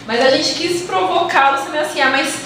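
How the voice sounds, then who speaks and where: A Brazilian woman from a theater project talking casually and lively about her research. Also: high voice, a little fast, slight background noise. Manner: talkative, animated, acts out quoted voices. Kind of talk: casual conversation. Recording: echoey room, distant mic.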